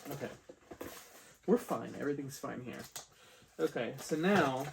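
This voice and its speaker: A man's voice: mid-range voice, animated, normal speed, vocal fry, noisy background. A man reviewing toy figures in a casual unboxing chat, wry and exasperated.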